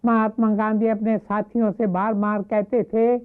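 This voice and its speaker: A woman giving a devotional talk, retelling a story in a measured, reverent way. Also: mid-range voice, level tone, smooth, soft background music. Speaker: spiritual speaker. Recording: narrow phone-like lo-fi audio.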